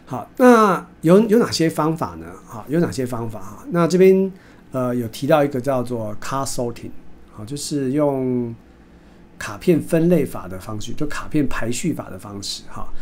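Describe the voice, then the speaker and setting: A man's voice: mid-range voice, big pitch swings, a little mellow. Man lecturing in Taiwanese Mandarin, lots of fillers. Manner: halting, many fillers and repeated words; mixes English terms into speech. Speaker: university lecturer. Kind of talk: recorded online course lecture.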